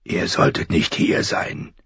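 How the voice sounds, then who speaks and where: A man voicing a small, filthy male intruder, sour and menacing, with slow, sour muttering. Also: mid-range voice, wildly swooping pitch, gravelly, husky, no echo, lo-fi sound, voice pushed up, exaggerated voice.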